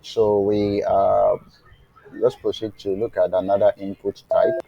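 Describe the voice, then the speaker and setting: Teaching web development live to a remote class, a man with a lowish, fairly monotone voice and vocal fry pauses to ask "what?" and let students answer, checking they follow. His delivery is slow and deliberate, with fillers and restarts. The sound is dull and very noisy, and his voice fades at times.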